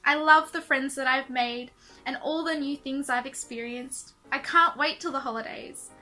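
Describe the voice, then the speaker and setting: Bright, high-voiced young woman, embarrassed reading aloud. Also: normal speed, soft background music. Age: young adult. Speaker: vlogger. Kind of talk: casual vlog, reading old teenage diaries aloud.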